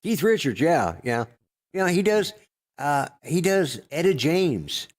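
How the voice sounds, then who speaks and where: An older man co-hosting a podcast, chatting casually in a gruff, rambling way with lots of fillers and restarts. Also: a little high, very animated, measured pace. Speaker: podcast co-host. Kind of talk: casual chat.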